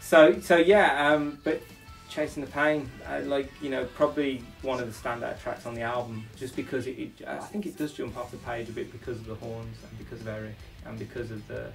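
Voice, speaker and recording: A man's voice: medium pitch, flat delivery, fairly quick, gravelly, distant mic, faint music behind, low-quality recording. A male lead singer talking casually about recording a song, rambling with lots of fillers and restarts.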